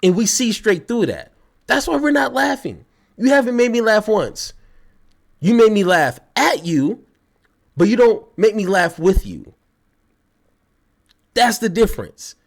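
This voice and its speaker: A man ranting in a reaction commentary, his voice sitting high and swinging widely as he mocks and scolds. He gets heated and trips over repeated words when worked up. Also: very animated, measured pace, creaky, pauses often.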